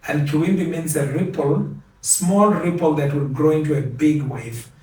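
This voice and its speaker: Older man, from Kenya, formal acceptance speech, earnest, repeats phrases, slightly high pitch, far from mic, strong room echo. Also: a little mellow. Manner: measured, earnest, repeats words for emphasis. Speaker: award recipient giving acceptance speech. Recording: very echoey, from a distance.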